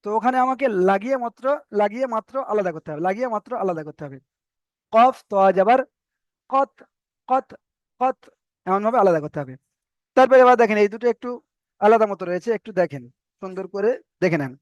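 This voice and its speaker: Male tajweed teacher, high voice, drills rules by repetition; dry, lo-fi recording. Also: lively intonation, very fast, no room sound. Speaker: Quran recitation teacher. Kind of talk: online tajweed lesson. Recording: dry, dull lo-fi sound.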